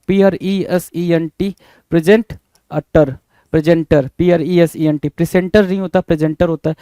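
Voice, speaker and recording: A male teacher runs an exam-prep spelling lesson with a somewhat high voice. He repeats every word and spells it out letter by letter in a friendly, drilling way. The sound is dry and close, with no room echo. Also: dark tone, clean tone. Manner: repeats words and spells them out letter by letter, addresses viewers as "bhai". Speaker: English teacher.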